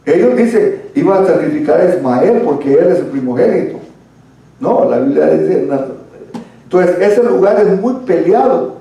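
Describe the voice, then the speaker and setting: High, gravelly man teaching in an echoey hall. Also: lively intonation, moderate pace, mellow. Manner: explanatory, addresses listeners as brother. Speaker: Bible study teacher. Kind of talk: church Bible study lesson. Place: church hall. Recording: echoey room, far from mic.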